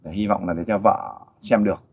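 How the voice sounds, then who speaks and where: A middle-aged man hosting a casual interview, coaxing and animated as he questions a child and a father. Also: low-pitched, fairly quick, gravelly, lo-fi sound, a little hiss or hum. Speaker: host interviewer for a volunteer group.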